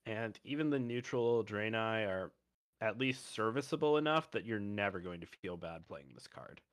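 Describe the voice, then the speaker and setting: A man's voice: fairly low pitch, expressive, normal speed, clear, resonant tone. Man hosting a card game podcast. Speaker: podcast host. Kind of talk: casual podcast discussion.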